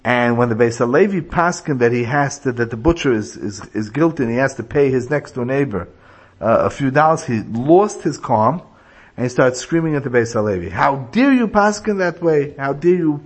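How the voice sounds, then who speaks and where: A man's voice: medium pitch, a little fast, breathy edge. A man teaching a religious lecture, explaining points through illustrative stories. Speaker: rabbi teaching a class.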